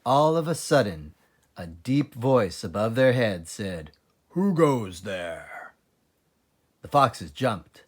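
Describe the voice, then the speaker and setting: Slow, expressive male storybook reader. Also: mid-range voice. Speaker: teacher librarian reading aloud. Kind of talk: children's storybook narration, expressive.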